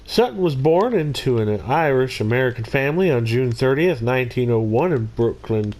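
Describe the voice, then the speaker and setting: A man's voice: medium pitch, animated, normal speed, a little mellow. A man hosting his own video, casually narrating a criminal history and breaking off into rambling jokey asides. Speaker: YouTube host. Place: Missouri.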